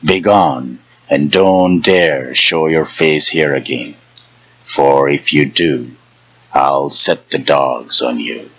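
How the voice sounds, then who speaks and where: A man's voice: very deep voice, takes it slowly, a bit bright, breathy edge, no room sound, exaggerated voice, poor audio. A man voicing a proud young woman, a chief's niece, who speaks scornfully and gives orders. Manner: scornful, commanding.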